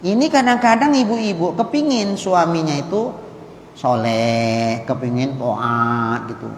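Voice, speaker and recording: Guy preaching, chatty then hushed, slightly high voice, big reverby hall. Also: unhurried, a little hiss or hum. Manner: conversational, shifts to hushed prayer tones. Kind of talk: sermon to women. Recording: echoey hall with faint ambience.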